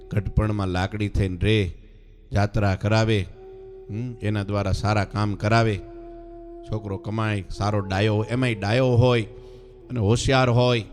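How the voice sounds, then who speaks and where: A man's voice: fairly low pitch, steady tone, moderate pace, long pauses, a little mellow, faint music behind. A man who is a swami preacher, telling a devotional story as a sermon and often asking his listeners rhetorical questions.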